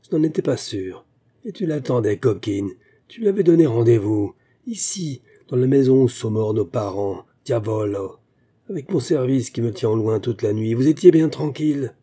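Furious jealous brother, sneering, menacing, loud, dark husky tone, read-aloud story, man voicing him. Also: medium pitch, expressive, normal speed. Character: furious, jealous young customs-guard brother.

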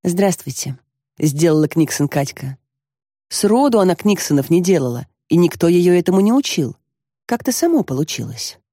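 An audiobook narrator reading a novel aloud in a steady, even voice. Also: medium pitch, moderate pace, dry recording, clean studio sound. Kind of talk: scripted narration.

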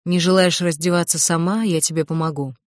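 A woman reading the part of a cold, hoarse, domineering male prince in an audiobook, giving curt orders. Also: on the low side, steady tone, fairly quick, a little mellow, no room sound, clean studio sound, close to an everyday voice. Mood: commanding.

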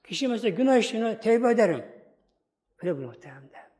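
High-voiced man preaching a sermon. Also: sing-song, fast talker, warm tone. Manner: rhetorical questions and storytelling to a congregation.

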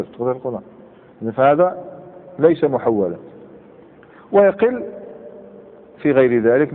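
A man teaching grammar to a class. He reads examples slowly and quizzes his students as he goes. The recording is narrow and phone-like, with long reverb from a hall. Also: mid-range voice.

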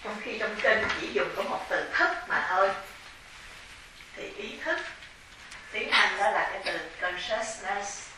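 Buddhist nun lecturing in an echoey hall. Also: female voice, mid-range voice, expressive, pushed and bright. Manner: measured, explanatory, spelling out terms. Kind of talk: dharma lecture. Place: large temple hall. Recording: echoey hall, distant mic, faint hiss.

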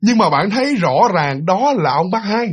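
A man's voice: high voice, very animated, normal speed, slightly rough. A man with a Southern Vietnamese accent telling a ghost story in a casual, chatty way, often repeating himself and speaking straight to his listeners. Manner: chatty, repetitive, addresses listeners directly.

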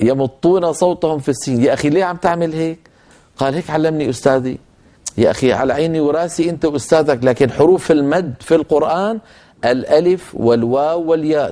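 An older man teaching Quran recitation rules in a religious lecture, explaining patiently and demonstrating words slowly. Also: mid-range voice, dark tone. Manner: explanatory, demonstrates recitation with slow drawn-out examples.

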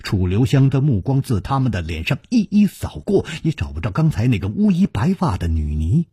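A man narrating a martial arts story in a traditional storytelling style, with slow, animated, dramatic phrasing. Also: mid-range voice, slightly rough, no echo, studio quality.

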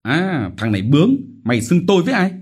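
Brutal bullying village chief, shouting curses, high and loud, husky edge, voiced by a man, audiobook. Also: sing-song, normal speed. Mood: furious.

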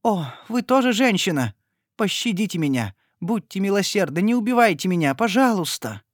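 A man's voice: fairly high pitch, moderate pace, no echo, studio quality, pitched above the performer's own voice, natural voice. A man voicing a tearful pleading noblewoman. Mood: pleading, distraught. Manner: tearful, imploring. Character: young noblewoman, timid, frightened, tearful, pleading.

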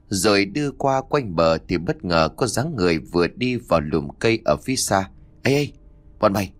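A man narrating a ghost story in a steady, expressive storytelling manner. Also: lowish voice, no room sound.

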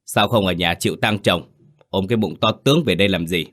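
A cold, gruff village elder, as a male storyteller puts him on, low and curt. He snaps his words out fast and impatient. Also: fairly bright tone. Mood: irritable. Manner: snappish.

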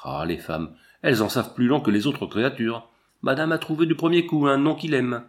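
A blunt, exasperated police sergeant with a gruff manner, acted by a man reading the story. His voice has an ordinary, middle pitch. He is a storybook figure. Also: a little fast, close to an everyday voice.

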